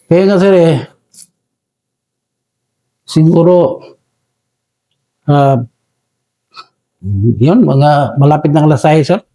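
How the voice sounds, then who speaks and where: High-voiced deferential Filipino soldier. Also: male voice, takes it slowly, pauses often, mellow. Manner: deferential, says "sir" after nearly every phrase. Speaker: soldier recounting a battle. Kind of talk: interview storytelling.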